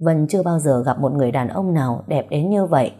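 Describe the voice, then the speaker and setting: A woman narrating a romance story, with even, unhurried reading. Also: low-pitched.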